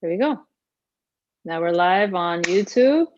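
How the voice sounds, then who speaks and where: A woman's voice: fairly low pitch, lively intonation, measured pace, a little mellow, highs cut off, slight background noise. A woman fitness coach hosting a casual live-stream interview, chatty with frequent laughs and fillers. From Haiti.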